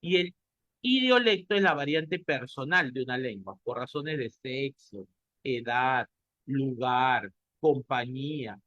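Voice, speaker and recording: A man's voice: mid-range voice, expressive, slow, a bit bright, dry recording, muffled recording. A man from Peru with a Peruvian Spanish accent, lecturing a class and answering his own questions. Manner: asks the class questions and answers them himself. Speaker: teacher.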